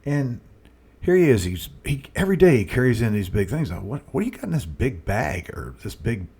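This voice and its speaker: Folksy, husky-voiced older man talking markets. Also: mid-range voice, big pitch swings, a little fast, darkish tone. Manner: folksy, rambling, self-deprecating. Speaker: investment video host. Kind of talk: casual market commentary with storytelling.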